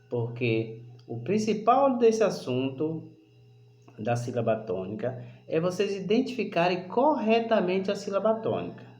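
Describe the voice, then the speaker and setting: Slow, animated male teacher. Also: a little high, roomy sound. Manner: slow, deliberate, repeats questions to check understanding. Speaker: primary school teacher. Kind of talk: remote class lesson.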